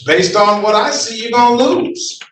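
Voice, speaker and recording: A high-voiced woman speaks as a judge, blunt and emphatic. She repeats herself to drive points home in an informal courtroom exchange. The sound is echoey and distant, with some noise. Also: moderate pace. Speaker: judge presiding over a hearing. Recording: echoey, noisy courtroom audio from afar.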